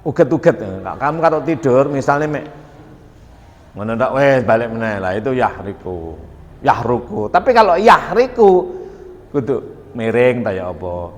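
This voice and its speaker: A man giving a classroom lecture, animated and often questioning his students. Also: medium pitch, moderate pace. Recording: long echo of a lecture hall.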